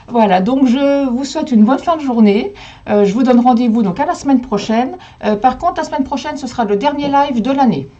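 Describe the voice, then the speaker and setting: A woman's voice: a little high, normal speed, mellow, muffled recording. Chatty woman hosting a crafting live. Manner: chatty, answers viewer comments and talks to her dog. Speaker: host of a live crafting stream. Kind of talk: casual live crafting demonstration. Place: at home.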